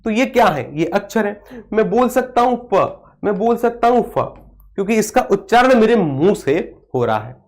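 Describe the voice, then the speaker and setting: A man's voice: high-pitched, big pitch swings, moderate pace, darkish tone. A man teaching a live online class, asking questions and answering them himself, and stopping to reply to viewer comments.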